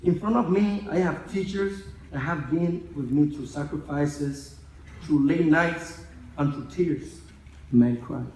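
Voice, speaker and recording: A man's voice: on the high side, takes it slowly, darkish tone. A young man from the Republic, giving an earnest, emotional graduation speech and repeating phrases for emphasis. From Dominican Republic. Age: young adult. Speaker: graduating student speaker. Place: large event hall. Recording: echoey hall.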